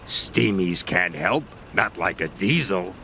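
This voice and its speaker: A man's voice: low-pitched, lively intonation, slow pace, bright, forceful tone, slight background noise, voice pushed down, exaggerated voice. A man voicing a sly, boastful male diesel engine with a rude, mocking drawl. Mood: sneering. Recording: music playing behind.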